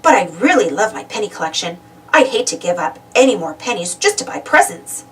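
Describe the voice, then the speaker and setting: A woman voicing an excitable, self-centred male cartoon duck from a storybook, exclaiming and wondering aloud eagerly. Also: medium pitch, fairly quick, distant mic. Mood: surprised musing.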